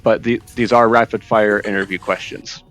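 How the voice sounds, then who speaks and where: A man's voice: lowish voice, flat delivery, normal speed, a bit bright. A man hosting a casual interview over VR voice chat, rambling and restarting his sentences while his audio comes through choppy and keeps cutting out. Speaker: interview host. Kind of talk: casual live-stream interview in VR. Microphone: headset mic in VR.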